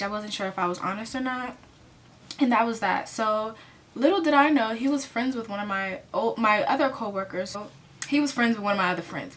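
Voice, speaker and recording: A woman's voice: mid-range voice, fairly bright tone, slight background noise. A twenty-year-old American woman tells a personal story in a casual, rambling way, full of fillers and self-corrections. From United States. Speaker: vlogger telling a storytime.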